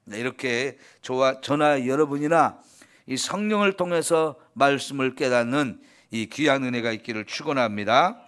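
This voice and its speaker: A man's voice: medium pitch, normal speed, a bit bright. A man preaching an early morning sermon as pastor, earnest and encouraging, often affirming with a short "yes.".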